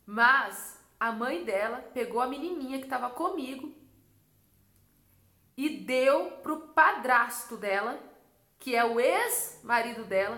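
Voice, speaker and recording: A woman's voice: fairly high pitch, bright, forceful tone. A young Brazilian woman vlogger telling a personal religious story with intense emotion and a lot of repetition. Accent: Brazilian Portuguese. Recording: echoey room.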